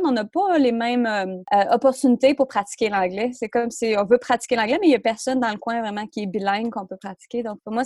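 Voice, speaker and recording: A woman's voice: medium pitch, a little mellow, no room sound, studio quality. A woman in her thirties with a Québécois French accent, a guest speaking hesitantly with frequent fillers in a casual interview. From Quebec. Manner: hesitant, many euhs, laughs often.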